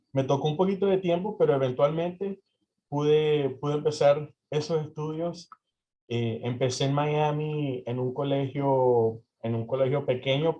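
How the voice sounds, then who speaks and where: Answering interview questions, this young Venezuelan guest hesitates, restarts, and leans heavily on fillers. His voice is mid-range and dark, captured in slightly dull lo-fi sound.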